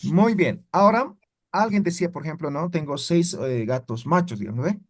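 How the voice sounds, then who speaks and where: A man's voice: on the high side, animated, moderate pace. A man teaching a language class, explaining step by step and checking in with his students again and again. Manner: explains patiently, keeps checking with "¿no ve?".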